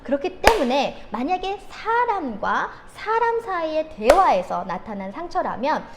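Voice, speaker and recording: A woman's voice: high voice, a little slow, very noisy. A woman counselor giving a lecture on handling anger, telling stories vividly and acting out the scenes. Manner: animated storytelling, acts out quoted scenes.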